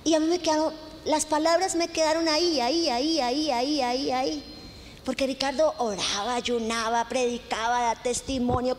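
A woman pastor preaches in a high, bright voice. She tells stories and drives points home by stacking lists and repeating phrases. Her voice rings through a reverberant church hall over a faint hum of noise. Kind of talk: sermon.

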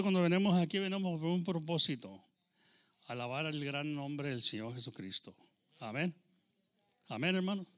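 A man's voice: a little high, fairly bright tone. A man from Texas with a Texan Spanish accent preaching a sermon in church, fervent and rising in volume when quoting scripture, with frequent amens. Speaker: pastor.

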